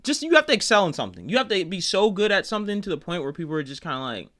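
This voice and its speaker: Casual commentary co-host: American man, bright forceful tone, emphatic, repeats himself to drive points home. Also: sits high, sing-song, very fast. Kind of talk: casual opinionated commentary chat.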